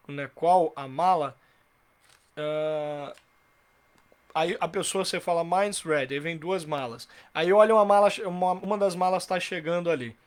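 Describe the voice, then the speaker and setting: A man teaching a live online English grammar class, patiently explaining with many rhetorical questions and slowly repeating example sentences. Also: on the high side.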